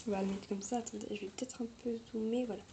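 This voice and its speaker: A woman chatting casually through a makeup review, hesitant and quick to apologize, recorded on a camera mic at home. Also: on the high side, fairly even intonation, creaky, warm tone, slight background noise. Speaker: beauty vlogger.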